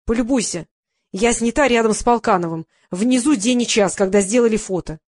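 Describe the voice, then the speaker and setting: A woman's voice: on the high side, brisk, darkish tone, no echo, studio quality, close to an everyday voice. A woman voicing a furious, defiant thirteen-year-old girl who accuses and mocks her mother in an audiobook. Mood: accusing. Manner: accusing, mocking.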